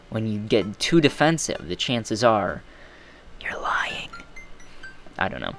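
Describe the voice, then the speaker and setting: A man's voice: lowish voice, fairly bright tone. A young man streaming a game, reading chat aloud and rambling in self-deprecating asides. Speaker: gaming streamer.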